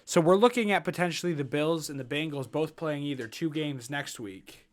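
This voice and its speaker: A man's voice: on the high side, moderate pace. A man hosting a casual sports podcast, joking with his co-hosts as he leads the segment. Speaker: podcast host.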